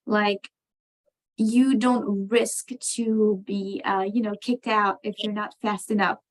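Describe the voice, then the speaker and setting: A woman from France, answering interview questions on a video call, talking thoughtfully with many pauses and fillers. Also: medium pitch, flat delivery, rough recording. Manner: thoughtful, many ums and you knows. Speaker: program participant.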